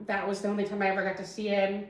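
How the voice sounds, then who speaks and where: A woman's voice: medium pitch, little pitch movement, very fast, roomy sound, low-quality recording. A woman co-hosting a podcast in a casual book chat. She is chatty, asks questions and laughs along. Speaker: podcast co-host.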